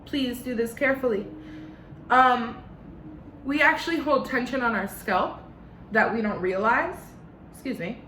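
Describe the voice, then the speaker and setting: A woman's voice: fairly high pitch, unhurried, pauses often, bright, forceful tone, roomy sound, a little hiss or hum. A young woman with a slight lisp teaching an online singing lesson from her living room, giving step-by-step instructions.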